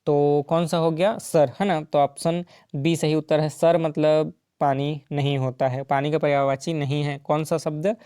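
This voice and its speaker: A man tutoring for an exam, his voice mellow and smooth, recorded dry and close. He works through each question step by step and checks in often with the listener. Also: on the high side, little pitch movement, moderate pace, dry recording. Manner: explains step by step with frequent "ठीक है" and "है ना". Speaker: teacher solving exam questions. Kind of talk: exam-prep lesson.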